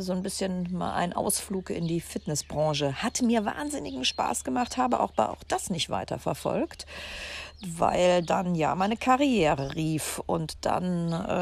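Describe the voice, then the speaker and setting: A woman's voice: on the low side, vocal fry, darkish tone. A woman, telling personal stories for her podcast in a chatty, reflective way, recorded outdoors. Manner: chatty, reflective, with frequent fillers. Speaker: podcast host. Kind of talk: casual personal storytelling. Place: outdoors in a garden with birds and construction noise. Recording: outdoor recording with faint background noise.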